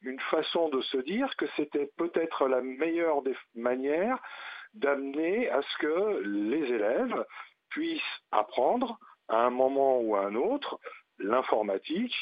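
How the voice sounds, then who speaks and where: A man heard over a landline phone, the sound dull and a little lo-fi with no room around it. He explains things patiently at a middling pitch, often hesitating to find his words. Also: very animated, slow pace, no echo. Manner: explanatory, with frequent hesitations and fillers. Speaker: guest teacher and union representative. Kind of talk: radio phone-in interview. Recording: muffled phone line, dry.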